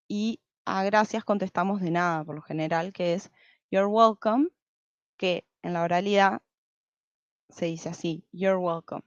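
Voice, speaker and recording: A woman's voice: lowish voice, no echo, muffled recording. A woman teaching a beginner English lesson over slides, patiently explaining step by step and checking in with "¿sí?".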